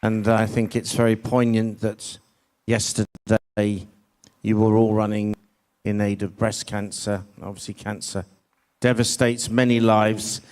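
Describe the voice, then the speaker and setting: Low-voiced male pageant host. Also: little pitch movement, measured pace, a little mellow, clear, resonant tone. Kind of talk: stage hosting.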